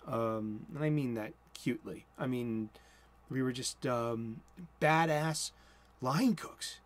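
This host, a man in his forties with a Boston accent, gives a loose, spoken sermon in a cluttered home room. He rambles, interrupts himself, and tends to mumble and rush when he gets excited. His pitch is medium and his pace slow.

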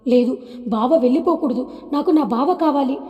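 A woman's voice: high voice, normal speed, a little mellow, in a large hall, muffled recording, close to an everyday voice. A woman voicing a tearful young woman who pleads and sobs in a storybook audio drama. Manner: pleading, sobbing speech. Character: tearful young woman, devoted to her cousin.

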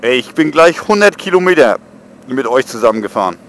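A man's voice: mid-range voice, big pitch swings, fairly quick, fairly bright tone. A man chatting casually as he rides a motorbike, talking into a helmet mic. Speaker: motovlogger. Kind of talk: casual chat while riding. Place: outdoors on a motorbike in city traffic. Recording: faint engine and traffic noise.

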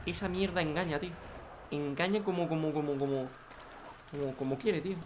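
A man's voice: fairly high pitch, a little fast, noisy background. A young man, joking crudely and chatting casually as he plays a racing game. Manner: joking, crude, talks to himself and viewers. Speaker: gaming youtuber. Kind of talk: casual gameplay commentary.

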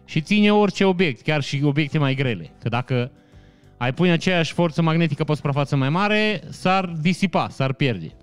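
A man's voice: on the high side, expressive, clear, resonant tone, faint music behind. A man hosting a casual live stream, greeting viewers by name and answering chat comments with frequent laughs. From Romania.

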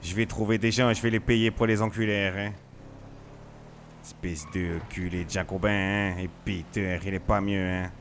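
Man doing touchy grumbling role-play guy, low voice, tags a questioning word onto every phrase, faint hiss behind. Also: fairly even intonation, normal speed. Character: touchy, grumbling man who feels picked on. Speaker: streamer playing a role-play character.

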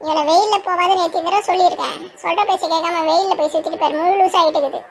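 A storyteller voicing cartoon village friends in a very high sped-up voice, trading lively banter. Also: racing, a little hiss or hum.

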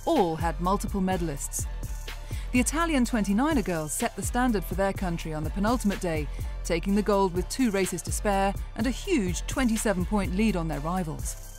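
A woman's voice: mid-range voice, lively intonation, a little mellow, soft background music. Polished woman narrating sports news. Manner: measured, polished broadcast delivery.

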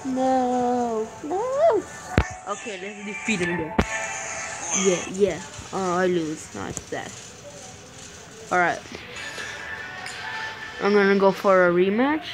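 A female gamer commentates casually over game music, talking at a slow pace. The delivery is excitable, slipping between exclamations and muttering, and R sounds come out imperfectly. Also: mid-range voice. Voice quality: difficulty saying R sounds. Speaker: gaming video maker.

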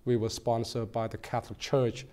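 Forties guy in a tv studio, mellow low-key voice, earnest, lots of ums. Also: level tone. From Cambodia. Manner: earnest, measured, many ums and uhs. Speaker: guest, political candidate. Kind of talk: studio interview, personal story. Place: small TV studio set.

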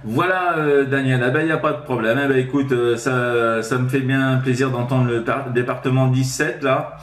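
Steady in tone and moderate in pace, a man at medium pitch chats over amateur radio from indoors in his sixth-floor flat, with reverberant sound. He repeats himself, ending phrases on small tag words.

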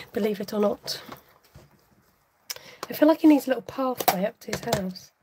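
A woman's voice: fairly high pitch, animated, takes it slowly, noisy background. A woman hosting a live craft tutorial, chatting casually to her viewers while she works.

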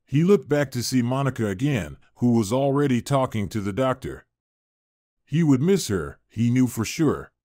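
Man, story narrator, smooth, expressive, mid pitch. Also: normal speed, no room sound, studio quality.

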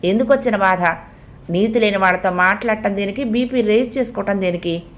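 A woman's voice: mid-range voice, close to an everyday voice. A woman reading the lines of an irritated young wife complaining bitterly. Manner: slow, exasperated complaining.

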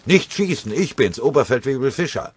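A man voicing a frightened, out-of-breath soldier who shouts urgently. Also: mid-range voice, lively intonation, moderate pace, a little hiss or hum, voice pushed up, close to an everyday voice. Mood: frantic.

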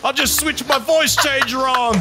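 Voice-changed man, pitched up to a very high squeak, shouting drill-sergeant insults over loud game music. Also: moderate pace. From Australia. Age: 20s. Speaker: gamer playing a drill sergeant in voice chat. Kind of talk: in-game voice chat trash talk.

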